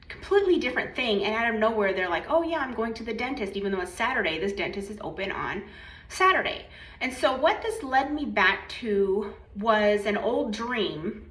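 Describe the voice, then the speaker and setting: A woman's voice: mid-range voice, a bit bright. Woman chatting in an echoey bathroom. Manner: informal, halting storytelling with self-corrections. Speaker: video creator sharing prophetic dreams. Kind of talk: casual personal testimony to camera. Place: bathroom at home.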